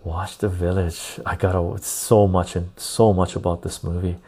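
A man's voice: deep voice, little pitch movement, moderate pace, darkish tone, breathy edge. A man hosting a casual live stream, chatting to viewers and repeating phrases for emphasis, recorded on a clip-on lapel mic. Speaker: live stream and podcast host.

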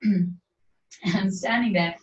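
A woman, a podcast guest, telling a personal story in a casual, earnest, animated way and laughing often. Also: mid-range voice, slow pace, a little hiss or hum. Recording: roomy, distant, dull sound.

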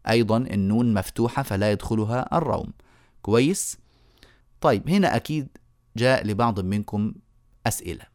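A man teaching a remote lesson on Quran recitation rules. He explains step by step, asks his students questions and chants verse examples slowly. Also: fairly low pitch, no echo, studio quality. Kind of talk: remote lecture on tajweed.

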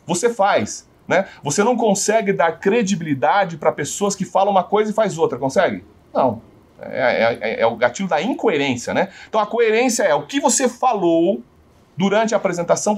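A man's voice: sits high, sing-song, moderate pace, husky. A man with a Brazilian Portuguese accent giving a sales training talk, often putting rhetorical questions to his audience.

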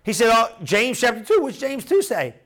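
Middle-aged male pastor, high-pitched voice, lively sermon delivery with call-and-response repetition. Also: normal speed. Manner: animated preaching with repeated phrases and congregation call-and-response.

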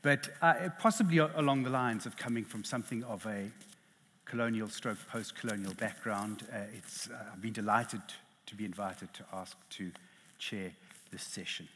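A middle-aged South African man chairs a literary panel in a lecture hall, sounding self-deprecating and hesitant and restarting often. His voice is fairly low and fairly bright, at normal speed. The headset mic picks up a little hiss or hum, and the hall is reverberant.

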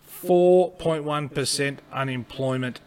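A man's voice: on the high side, slow, a little mellow, clear, resonant tone. Blunt emphatic man. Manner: blunt, emphatic, repeats points. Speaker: podcast co-host. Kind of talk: opinionated podcast chat.

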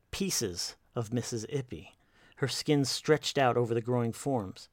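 Guy narrating a creepy story, slow and hushed, dry close recording. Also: medium pitch, no echo.

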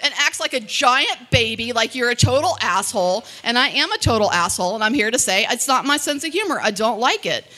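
A woman's voice: on the high side, expressive, fairly quick, hardly any pauses, bright, forceful tone. A woman podcast host arguing bluntly in a live comedy debate, swearing freely. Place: live event room.

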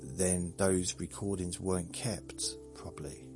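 A man's voice: low-pitched, fairly even intonation, a little slow, over music. A man hosting a sleep podcast, rambling in a meandering, self-deprecating way with jokey asides. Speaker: podcast host.

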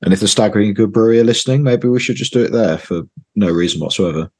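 A man with a low, husky and hoarse voice talks casually as a guest on a football podcast. He hesitates and repeats words as he goes. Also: fast talker, darkish tone. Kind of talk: casual chat.

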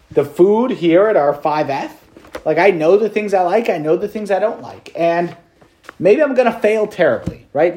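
Chatty priest with a slightly high voice. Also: male voice, darkish tone. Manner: conversational, peppered with "like" and "right?"; light self-deprecating humor. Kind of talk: preached meditation to students.

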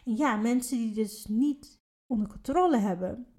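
A woman's voice: a little high, moderate pace, darkish tone. A woman co-hosting a podcast, explaining her ideas in casual chat with earnest repetition and emphasis. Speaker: podcast co-host.

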